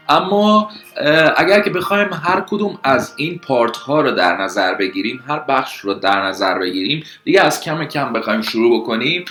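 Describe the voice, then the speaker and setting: A man whose first language is Persian teaches an English lesson, drilling vocabulary slowly and clearly. His voice is bright and forward, in an echoey room with faint music underneath. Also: medium pitch. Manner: slow, clear drilling of words.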